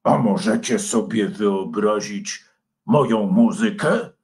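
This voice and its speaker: A man's voice: on the low side, takes it slowly, darkish tone, voice pushed down. A man voicing a grand, eccentric male dragon in a children's storybook, declaiming in a self-important way. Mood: pompous. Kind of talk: storybook character voice.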